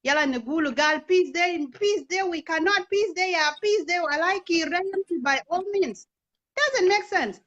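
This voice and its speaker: Her voice is very high, unhurried and a bit bright, though the recording is muffled. She is in her thirties, grew up in Kenya, and appears as an interview guest making an impassioned political case, earnest and persuasive, with rhetorical questions along the way.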